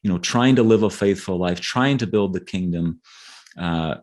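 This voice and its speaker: In this casual interview chat, the author guest is a middle-aged man whose low-pitched voice sounds a little mellow and moves at a normal pace. He talks earnestly, tends to repeat himself, and keeps asking "right?"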